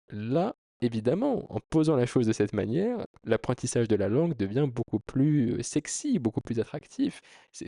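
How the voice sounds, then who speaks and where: A French-speaking video creator talks informally to camera, explaining things to viewers in an earnest, persuasive way with emphatic phrasing. His medium-pitched voice is creaky and warm, recorded in clean studio quality with no echo.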